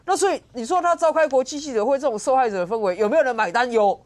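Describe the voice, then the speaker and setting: A woman giving sharp, sarcastic political commentary as a guest on a TV talk show. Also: sits high, rapid-fire. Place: TV studio.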